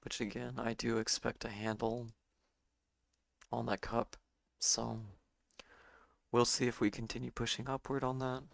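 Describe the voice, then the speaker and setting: A man with a hoarse, failing voice giving halting live trading commentary as host of a stream. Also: mid-range voice, level tone, no room sound. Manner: halting, with fillers and throat clearing. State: hoarse, losing his voice. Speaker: day trading livestream host.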